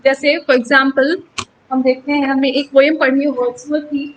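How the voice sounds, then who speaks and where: A woman's voice: sits high, little pitch movement, moderate pace, slight background noise, poor audio. A woman teaching in a classroom lecture style, explaining step by step and mixing English terms into her talk.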